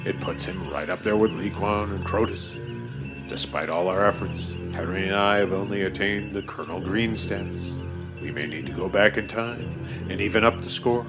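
A man playing a starship crew officer, delivering absurd lines deadpan in a comedy audio sketch. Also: deep voice, normal speed, lightly acted. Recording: music bed behind the voice.

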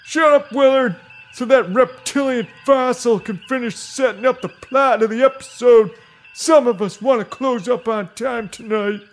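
A man's voice: extremely high pitch, normal speed, faint music behind. A man voicing a sarcastic horse who serves as a crew officer, sniping drily in a comedy audio sketch. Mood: exasperated. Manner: dry, exasperated sniping.

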